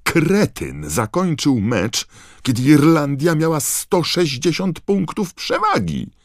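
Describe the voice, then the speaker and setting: A deep-voiced man voicing an excitable teenage boy shouting indignantly at a match. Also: slow, dry recording, studio quality, full character voice. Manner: loud, frantic, indignant.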